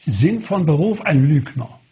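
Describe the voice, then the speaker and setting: A man's voice: on the high side, animated, normal speed, dark tone, husky, highs cut off. An older man voicing a curt, commanding Japanese woman eye doctor in a spoken anecdote. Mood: indignant. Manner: brusque, commanding.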